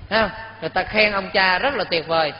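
A man's voice: high-pitched, fast talker. A man with a Southern Vietnamese accent, a Buddhist teacher telling a parable in a sermon and keeping the audience involved with questions. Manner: lively, keeps quizzing the audience. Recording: dull sound in a reverberant hall.

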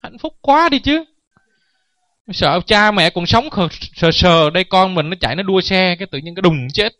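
Male Buddhist monk, sermon with humorous anecdotes; light-pitched, dry recording. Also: fairly quick, a bit bright, no echo. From Vietnam. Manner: joking, anecdotal, laughs at his own stories. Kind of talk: dharma talk sermon.

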